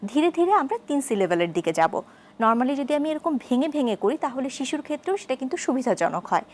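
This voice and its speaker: High-voiced woman explaining therapy steps. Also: big pitch swings. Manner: measured, explanatory, repeats key terms. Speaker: speech therapist guest. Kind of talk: explanatory studio discussion.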